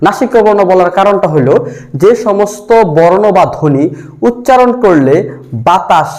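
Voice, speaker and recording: High-voiced man teaching a methodical lesson. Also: expressive, moderate pace, darkish tone. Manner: methodical, repeats letters one by one while explaining. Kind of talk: spoken grammar lesson.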